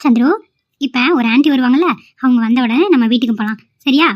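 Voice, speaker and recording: A woman's voice: high-pitched, fast, dull audio, lightly acted. A woman voicing a strict scolding mom. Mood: firm. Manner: scolding, firm. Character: strict young mother scolding son.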